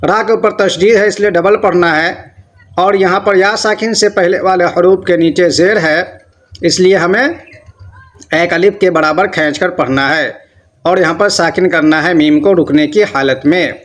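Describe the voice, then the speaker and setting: A man teaching tajweed in Urdu, switching between quick, stern explanations of common mistakes and slow, drawn-out chanted recitation. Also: high voice. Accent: Pakistani Urdu.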